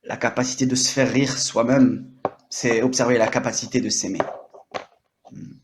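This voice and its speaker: A man's voice: mid-range voice, flat delivery, normal speed, background noise. A man in his late thirties from France with a French accent, talking very freely on an improvised live stream, rambling, jumping between topics and teasing himself and his viewers. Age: late 30s. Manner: teasing and self-mocking. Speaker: livestreamer. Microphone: own microphone.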